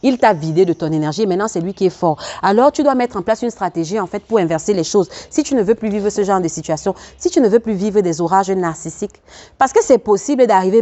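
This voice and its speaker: Talking fast in a mellow mid-range voice, a woman coaches her audience through a self-help video with earnest, sermon-like conviction. She addresses the listener directly, repeats phrases to drive points home and laughs in between, while the audio has its highs cut off.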